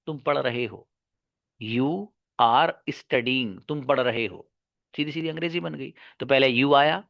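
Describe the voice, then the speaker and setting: Brisk, bright-voiced grammar teacher. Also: male voice, on the high side, dry recording, clean studio sound. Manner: repeats key words slowly and drills them, asks and answers his own questions; playful mock-serious asides. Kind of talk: classroom lecture.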